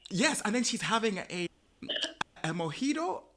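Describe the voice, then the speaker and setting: A man co-hosting a podcast in casual chat, who gets animated and jumps high in pitch when he quotes people. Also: normal speed, noisy background. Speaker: podcast co-host.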